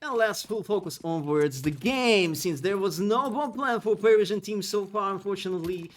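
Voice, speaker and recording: Casting alone, a male esports commentator whose native language isn't English gives rapid, excitable play-by-play. His voice climbs in pitch during the action, and he fills the gaps between rounds with chat to viewers.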